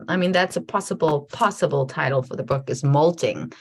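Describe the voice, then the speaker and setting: Low-voiced woman hosting a reflective chat. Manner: reflective, halting with many restarts. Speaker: podcast host. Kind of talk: casual conversation over video call. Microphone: video call.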